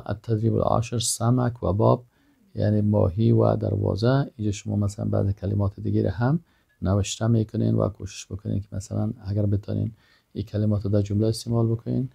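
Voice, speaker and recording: An older man teaches a vocabulary lesson in a low, dark voice full of gravelly fry. He pronounces each term carefully and repeats it before he explains it. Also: flat delivery. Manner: slow, repeats each word and then gives its meaning. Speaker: Arabic teacher. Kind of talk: vocabulary lesson, word then translation.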